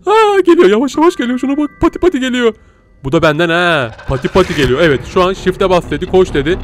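High-voiced jumpy male game streamer. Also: expressive, fast talker. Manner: jumpy, yelps and laughs when scared; talks to viewers and game creatures. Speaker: gaming streamer. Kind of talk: live horror game commentary.

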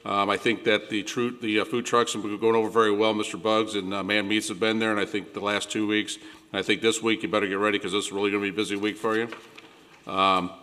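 A middle-aged man serving as mayor, giving event announcements at a council meeting into a desk mic, with steady delivery and filler words. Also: on the low side. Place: city council chamber. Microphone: desk gooseneck mic. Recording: reverberant council chamber.

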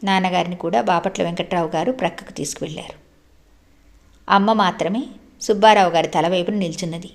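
A woman narrating an audiobook in a measured, devotional storytelling manner. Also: on the low side, fairly even intonation, vocal fry.

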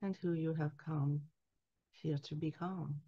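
A woman in her sixties speaking as a trance medium, solemnly delivering a spiritual message in measured phrases with long pauses. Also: low-pitched, steady tone, no room sound. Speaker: trance channeler. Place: small candlelit room indoors. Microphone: headset boom mic. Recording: dull, lo-fi headset sound.

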